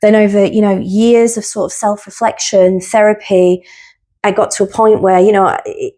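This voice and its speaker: Woman guest, psychotherapist, candid and earnest, mid-pitched voice, steady personal storytelling. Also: normal speed. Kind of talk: personal reflective conversation.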